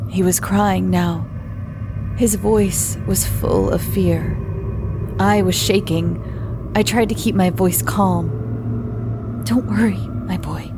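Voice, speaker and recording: A woman's voice: on the low side, fairly even intonation, takes it slowly. A woman reading a scripted horror story as its narrator. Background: music.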